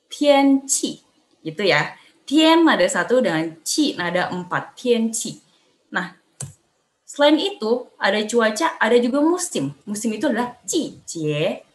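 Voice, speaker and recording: A young woman teaching an online Mandarin lesson in a cheerful, chatty way, drilling syllables aloud with exaggerated tones. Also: medium pitch. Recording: echoey room.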